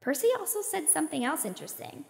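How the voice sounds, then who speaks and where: A woman voicing a bright young girl explorer in a children's audio drama, explaining history facts in a clear storytelling way. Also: high-pitched, huge pitch swings, quick pace, no room sound, studio quality, heavily acted.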